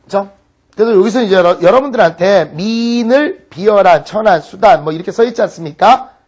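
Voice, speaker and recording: Korean-accented male English lecturer, joking and lively, talking straight to a class. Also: high-pitched, fairly quick. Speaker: English teacher. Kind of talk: lecture to students.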